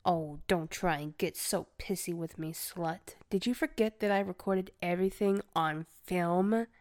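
A woman voicing a vengeful, domineering former student in an audio roleplay, taunting with frequent sighs and hushed whispers. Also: fairly low pitch, measured pace, dry recording, clean studio sound, close to an everyday voice. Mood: menacing. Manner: taunting, sighing, often whispering. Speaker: voice actor.

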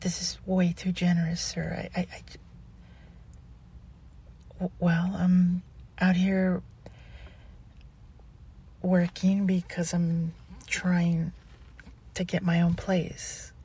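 A woman in an ASMR role-play, playing a flustered, polite college student who delivers food, with a breathy, husky voice and a hesitant, stammering, apologetic manner. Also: on the low side, warm tone, heavily acted. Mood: flustered, grateful.

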